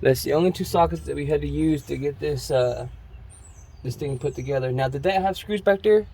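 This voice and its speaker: A man chatting casually while working on a truck outdoors, animated and full of slang. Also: on the high side, fairly quick, creaky, slightly rough. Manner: animated, slangy, says "man" and "bro" a lot. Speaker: vlogger working on his brother's truck.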